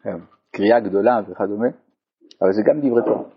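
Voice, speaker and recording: Husky-voiced rabbi teaching a text. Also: male voice, fairly low pitch. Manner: reads a passage aloud, then explains it phrase by phrase. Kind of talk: Torah lesson to a live group. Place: community study hall. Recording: dull lo-fi recording.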